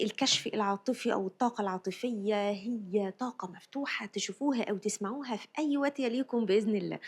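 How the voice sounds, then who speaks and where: An Egyptian woman gives a tarot reading in a husky, slightly breathy voice. She talks quickly and coaxingly, circling back over her own phrases and at times dropping into a hushed whisper. Her pitch sits in a middle range. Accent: Egyptian Arabic. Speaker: tarot reader. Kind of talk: spiritual tarot reading to viewers.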